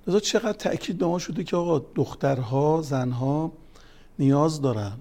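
A man's voice: a little high, dark tone. A man giving a religious talk, weaving counseling stories and scripture quotes, growing emphatic as he goes. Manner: storytelling, quoting scripture, grows emphatic. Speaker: family counselor and religious speaker.

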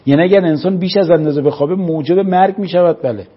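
A man lecturing a class, animated and full of rhetorical questions. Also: a little high, breathy edge, dull audio. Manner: animated, rhetorical questions, acts out scolding parents. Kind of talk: religious-minded lecture to a class.

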